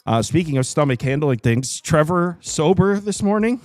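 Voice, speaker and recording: A man in his thirties hosting a sports betting show, chatting casually in an animated, jokey, self-deprecating way. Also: fairly high pitch, normal speed, dry recording. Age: 30s. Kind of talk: casual chat.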